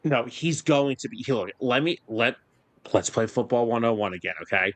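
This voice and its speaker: A male sports talk host riffing on football and thanking listeners in a loose, joking way. His voice sits in a middle pitch and is caught close on a dry studio mic, with no room around it. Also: lively intonation, moderate pace, a bit bright, no room sound. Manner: brash, joking, rambling sign-off.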